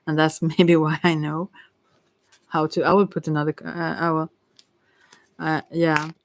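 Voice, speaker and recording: Speaking to listeners in a loose, informal way, this tarot reader trips over words often and meanders haltingly. The voice is gravelly and medium-pitched, with fairly flat intonation and no room sound.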